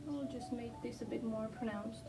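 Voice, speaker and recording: A woman with a fairly high, fairly even voice talks at a moderate pace, heard from a distance over background music. English isn't her first language, and as an artist sketching on camera she rambles casually, hesitant and self-deprecating, with lots of ums.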